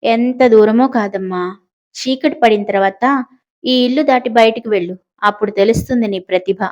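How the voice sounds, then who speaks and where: A woman's voice: fairly high pitch, normal speed, a little mellow, natural voice. Woman doing a cool, sarcastic young wife.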